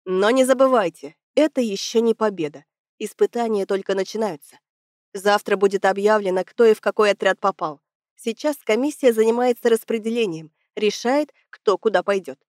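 A stern male academy commander addresses new cadets in a measured, formal way, voiced by a woman. His tone is firm and official, and the sound is dry and close. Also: mid-range voice, darkish tone, no echo, lightly acted.

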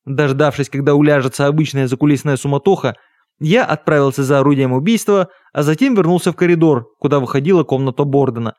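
Male audiobook narrator, measured first-person delivery, slightly high voice, dead-dry studio sound. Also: a little mellow, no echo.

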